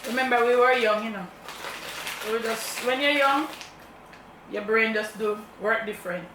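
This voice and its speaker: Bright-voiced Jamaican woman chewing as she talks. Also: a little high, moderate pace. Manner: chewing while talking. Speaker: mukbang co-host. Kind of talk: casual food chat. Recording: roomy echo, distant mic, faint noise.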